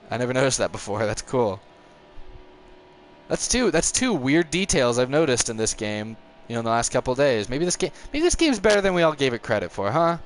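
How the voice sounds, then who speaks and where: Chatting casually on a live stream, a nineteen-year-old gaming streamer rambles while playing a racing game and reacts to the race. He has a mid-range voice, with a little hiss or hum in the audio. He's talkative, frustrated easily, and chuckles.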